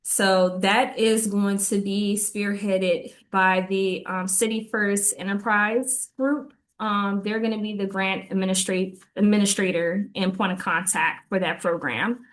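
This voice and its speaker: Woman giving a halting meeting update. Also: medium pitch, steady tone. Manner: halting, many ums, reads list of items. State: slightly out of breath. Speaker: city government liaison giving community updates.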